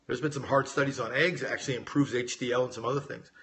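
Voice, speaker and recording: In a casual livestream, a middle-aged weight-loss coach from the United States, who grew up in Las Vegas, reads viewer questions aloud and answers informally, talking right to his audience. He has a medium pitch, fairly even intonation and a fairly bright tone, and speaks fast.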